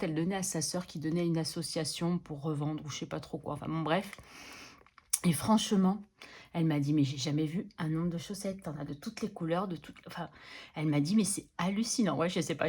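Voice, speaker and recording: A woman's voice: lowish voice, a little mellow, breathy edge. A middle-aged woman chatting casually to camera about budgeting, enthusiastic and laughing often. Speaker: budgeting channel host.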